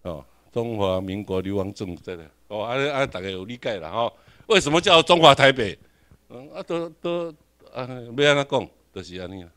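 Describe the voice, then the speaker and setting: A man's voice: medium pitch, animated, brisk, fairly bright tone. A man with a Taiwanese accent giving a classroom lecture, questioning the audience and repeating his points.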